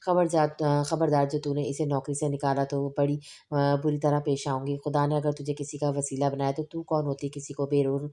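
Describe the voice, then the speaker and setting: A woman voicing a blunt older grandmother who scolds loudly, in a storybook reading. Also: low voice, level tone, quick pace, close to an everyday voice. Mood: scolding. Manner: sharp, chiding.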